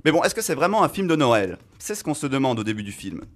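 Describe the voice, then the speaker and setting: A man at a radio studio mic, delivering a relaxed film column in a chatty, self-mocking way. He stumbles through fillers and restarts as he talks. His voice sits at an ordinary middle pitch. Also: fast talker. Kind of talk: casual radio film chronicle.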